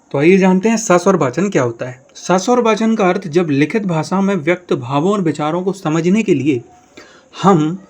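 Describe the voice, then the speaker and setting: A man teaching an online exam-prep lesson, explaining step by step and often speaking straight to his viewers. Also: fairly high pitch.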